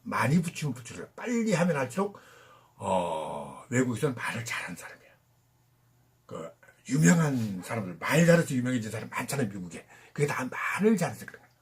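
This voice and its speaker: Husky, lively male pronunciation teacher. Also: mid-range voice. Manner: drills words slowly, sings nursery-rhyme lines, repeats sounds emphatically. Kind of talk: pronunciation lesson.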